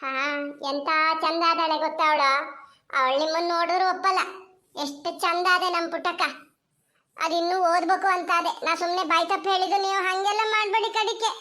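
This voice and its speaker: A woman's voice: extremely high pitch, fairly even intonation, sharp tone. A woman voicing a bold, chatty little village girl in a cartoon. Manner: fast-talking, cheeky, tearful in turns. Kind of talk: Kannada cartoon voice acting. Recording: roomy home recording.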